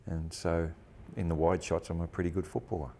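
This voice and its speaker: An older actor with a broad Australian accent reminisces bluntly and casually in an interview, using salty colloquial phrases. His deep, dark voice comes out flat and a little fast.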